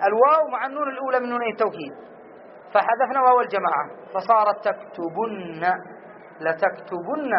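A man teaching a grammar lesson to a class, stretching out example words slowly and quizzing his students. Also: very high voice, a little hiss or hum. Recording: dull lo-fi classroom recording.

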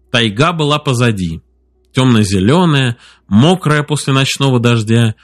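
A man narrating an audiobook in a measured, steady reading voice. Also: mid-range voice. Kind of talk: scripted narration.

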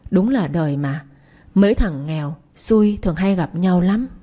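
Mellow woman. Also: on the low side, expressive, moderate pace. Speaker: storyteller. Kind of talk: narrating a story.

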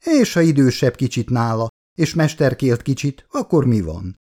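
A man's voice: medium pitch, big pitch swings, mellow. Man voicing a fretful affectionate middle-aged wife. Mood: fretful chatter. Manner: chatty, anxious, coaxing.

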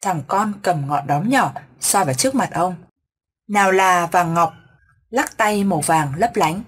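Husky woman telling a ghost story. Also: fairly low pitch. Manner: steady, measured storytelling.

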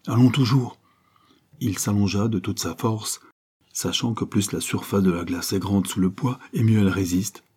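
A man narrating an audiobook in a steady, measured storytelling voice. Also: fairly low pitch, slightly rough.

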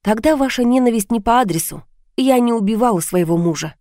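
A woman's voice: a little high, expressive, brisk, dark tone, dry recording, studio quality, pitched above the performer's own voice, natural voice. A woman reading an audiobook, voicing a frightened young heroine who pleads her innocence in a strained voice. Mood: pleading.

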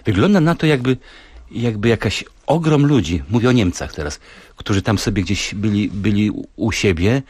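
Low-voiced male radio host, dry studio. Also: lively intonation, darkish tone, slightly rough, no echo. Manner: measured, hesitant, searching for words. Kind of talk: radio interview. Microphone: studio microphone.

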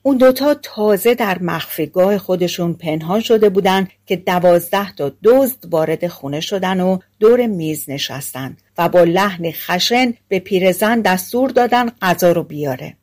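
A woman's voice: lowish voice, expressive, few pauses, a little mellow. Woman narrating a fairy tale. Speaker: audiobook narrator.

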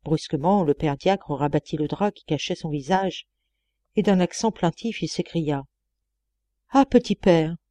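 A woman narrates a literary audiobook with measured, expressive reading. Her voice is mellow and warm, recorded dry and close. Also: low voice, dry recording. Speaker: audiobook reader.

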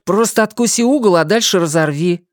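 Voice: mid-range voice, fairly quick, no room sound, pitched above the performer's own voice, close to an everyday voice. Narrator doing an impatient young man, snapping, exclaiming, dry.

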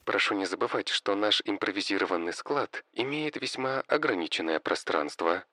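A man voicing a sarcastic male ship AI in an audiobook, speaking in a flat, robotic monotone. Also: on the low side, moderate pace, no echo. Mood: dryly reminding. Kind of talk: audiobook character voice.

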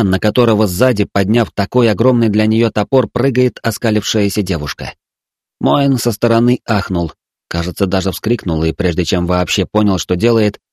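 Male audiobook narrator, low voice, dry close sound. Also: a little mellow, no room sound. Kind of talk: audiobook reading.

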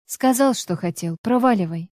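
A woman's voice: mid-range voice, expressive, moderate pace, darkish tone, no echo, studio quality, natural voice. A woman reading a bitter, snapping ex-wife. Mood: scornful, bitter. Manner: scornful, snapping. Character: bitter, sharp-tongued ex-wife around forty.

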